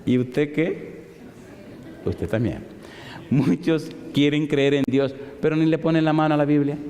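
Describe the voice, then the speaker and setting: A man's voice: on the high side, unhurried, warm tone. A male pastor preaching a sermon in a conversational, storytelling way, throwing rhetorical questions at the congregation. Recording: echoey hall reverb.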